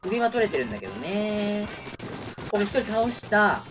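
Male game streamer, lively swinging pitch, reactive muttering and exclamations, game music behind. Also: moderate pace. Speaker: gaming streamer. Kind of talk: live gameplay commentary. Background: video game music.

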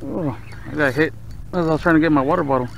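Gravelly South Texas man fishing outdoors. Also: fairly high pitch, quick pace. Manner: relaxed, talks to fish and viewers. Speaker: fishing vlogger. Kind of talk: casual running commentary while fishing. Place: outdoors on open bay water. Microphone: action camera on the kayak. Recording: dull outdoor camera audio with faint water noise.

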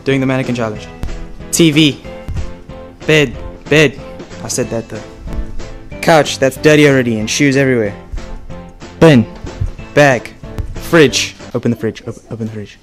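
A man's voice: mid-range voice, a little slow, pauses often, faint music behind. A young man vlogging casually to a handheld camera, rambling and stumbling over his words, joking as he goes. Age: young adult. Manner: rambling, self-interrupting, playful. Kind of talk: casual travel vlog. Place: hotel room and outdoors, handheld. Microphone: camera mic at arm's length.

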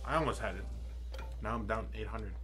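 A man's voice: on the low side, over music. A young man playing along in a casual gaming chat, guessing at trivia answers in a playful, joking way. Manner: playful, guessing, quick to laugh. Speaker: guest player.

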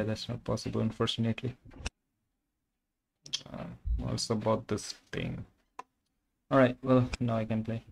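His voice is fairly low, creaky and darkish as this young man from Kerala chats loosely with game-stream viewers, full of fillers. He has an Indian accent and grew up speaking Malayalam. The condenser-mic audio carries a little hiss or hum.

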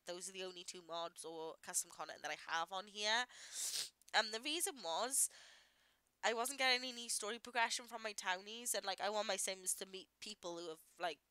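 A woman's voice: mid-range voice, bright, forceful tone, clean tone, no room sound, poor audio. A woman, a parent, giving chatty, rambling voice-over commentary on gameplay she recorded earlier. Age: adult parent. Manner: chatty and rambling, lots of "like" and asides. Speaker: gaming YouTuber.

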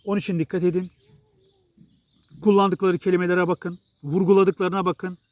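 A man's voice: high voice, flat delivery, normal speed, dry recording, highs cut off. A middle-aged male journalist and writer from Turkey, talking straight to his viewers in a blunt, exasperated, rambling monologue full of restarts.

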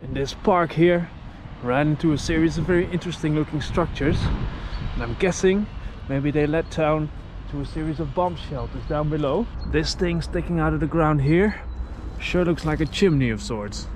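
A man's voice: a little high, moderate pace, a little mellow, slight background noise. Curious man narrating a travel vlog. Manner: curious, musing commentary. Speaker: travel vlogger.

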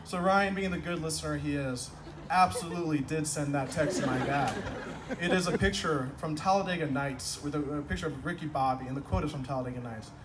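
A man's voice: on the high side, brisk. Man giving a wry best-man toast outdoors. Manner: wry, self-deprecating storytelling, builds to punchlines. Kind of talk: humorous wedding speech. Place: outdoor garden wedding reception at night. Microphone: far camera across the lawn. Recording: distant phone video with ambient noise.

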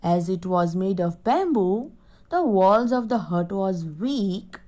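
A woman's voice: medium pitch, expressive, takes it slowly, dark tone. A woman teacher reads a story aloud to her class and stops to explain difficult words to the children. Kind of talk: reading a story aloud in an English lesson.

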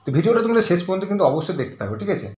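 A young man talking casually to his viewers, often asking for agreement, then speaking low and soft into a phone. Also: very animated, very fast, heavy background noise. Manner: chatty, keeps asking "ঠিক আছে?". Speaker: prank video creator. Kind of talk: casual vlog and staged phone call.

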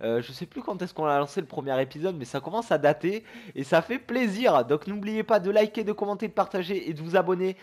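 A young man with a high voice narrates his own gameplay for his viewers. He talks to them like pals, then swings wildly up and down in pitch as he curses and shouts at the screen. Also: quick pace, few pauses. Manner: excitable, swears and shouts at the game; chummy, keeps calling viewers his pals. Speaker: gaming YouTuber. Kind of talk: live gameplay commentary.

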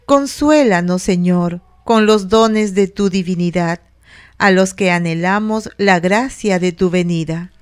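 A woman reading prayers and responses in a measured, solemn liturgical recitation. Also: lowish voice, smooth. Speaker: prayer reader giving responses.

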